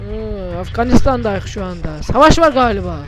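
A male gaming host giving casual gameplay commentary, brash and excitable, swearing and shouting at the characters on screen. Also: sits high, moderate pace. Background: game music.

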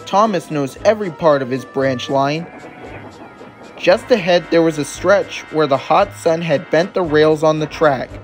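A man narrating a children's story in a gentle, measured storybook style. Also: on the high side, faint music behind.

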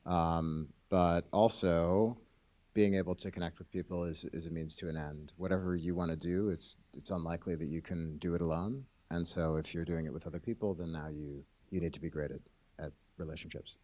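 A man in a workshop audience who answers with halting speech, many "um"s and repeated words. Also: low voice, fairly even intonation, a little mellow, no echo. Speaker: audience participant.

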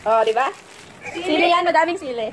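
A woman's voice: high-pitched, expressive, brisk, very noisy. A Filipino woman chatting with a friend and telling a story with lots of laughter. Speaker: friend in gift exchange. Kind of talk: casual chat.

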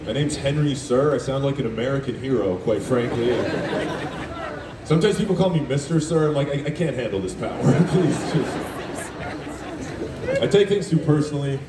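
At an outdoor night festival in a city park, an Albertan comic in his thirties with a deep voice delivers deadpan, self-deprecating material and teases the crowd, speaking at a moderate pace with frequent pauses. A phone among the audience recorded the PA speakers, giving far-off, echoey amplified sound amid laughter and cheering.

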